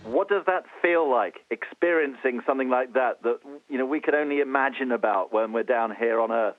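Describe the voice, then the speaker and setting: Man asking questions over a tinny radio link. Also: medium pitch. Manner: polite, measured questioning. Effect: narrow radio link. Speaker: radio interviewer. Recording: tinny phone-like link, dry.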